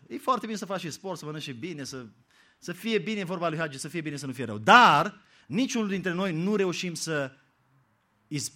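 Animated, bright-voiced male preacher. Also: fairly high pitch. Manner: dramatic storytelling, swings from hushed to shouting. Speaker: pastor. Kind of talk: sermon.

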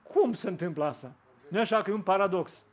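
A man preaching a sermon, slowing down and rising in emphasis when he quotes scripture. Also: sits high, expressive. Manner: fervent preaching, slows and rises on scripture quotes.

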